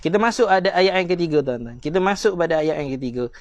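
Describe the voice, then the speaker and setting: Malaysian male Quran tutor, live class, raised voice, drawn-out letter demos, dry close sound. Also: on the high side, lively intonation, no echo, lo-fi sound. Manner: addresses viewers as "tuan-tuan", drawn-out demonstrations of letter sounds. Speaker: Quran recitation teacher. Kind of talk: live-streamed recitation lesson.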